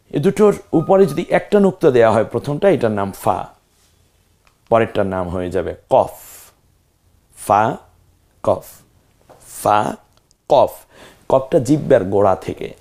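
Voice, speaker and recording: A man's voice: lowish voice, darkish tone. Patient man teaching Arabic letters. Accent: Bangladeshi. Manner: patient, coaxing, drills letters aloud. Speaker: Quran teacher. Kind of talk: Arabic alphabet lesson.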